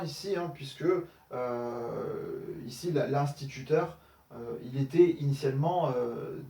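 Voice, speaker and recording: A man's voice: medium pitch, mellow, far from the mic. Man teaching grammar with many fillers. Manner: explanatory, many fillers, checks understanding with "d'accord?". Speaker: Arabic teacher. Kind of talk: recorded grammar lesson correcting exercises. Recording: echoey room, voice somewhat off-mic.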